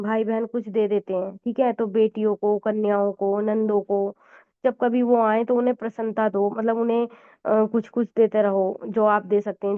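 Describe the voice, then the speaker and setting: A woman astrologer giving a conversational astrology lesson, explaining with frequent fillers and mixed-in English words. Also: fairly high pitch. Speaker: Vedic astrologer teacher. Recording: tinny phone-like audio.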